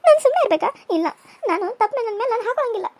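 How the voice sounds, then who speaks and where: Woman voicing a shrill defiant young bride. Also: very animated, very fast, darkish tone, no echo, heavily acted. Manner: shrill, protesting.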